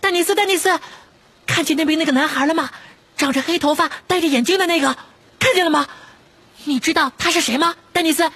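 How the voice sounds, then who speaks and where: A man's voice: very high-pitched, fast talker, pushed and bright, no echo, pitched above the performer's own voice. A man voicing an eager young schoolboy who talks in a breathless, urgent rush, in a storybook reading. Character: eager young schoolboy, fan-struck and chatty.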